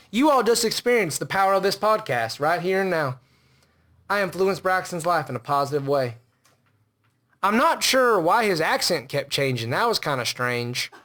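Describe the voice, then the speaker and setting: A man's voice: fairly high pitch, fairly bright tone. A man hosting a comedy podcast, rambling and boastful about himself. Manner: boastful, rambling and self-important. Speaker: podcast host. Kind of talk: comedic character monologue.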